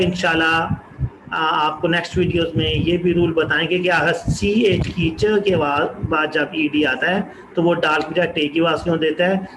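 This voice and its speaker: A man from Pakistan teaching a pronunciation lesson, repeating each example word slowly and distinctly. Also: fairly high pitch, a bit bright, echoey room, slight background noise, rough recording. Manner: slow, repeats example words carefully and distinctly. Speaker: English teacher.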